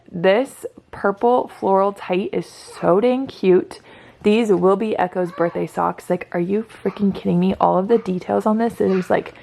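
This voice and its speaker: A woman's voice: medium pitch, creaky, darkish tone, slight background noise. A woman vlogging casually from home as a stay-at-home mom, gushing and full of "like" fillers. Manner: gushing, filler-heavy talk. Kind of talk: casual vlog chat.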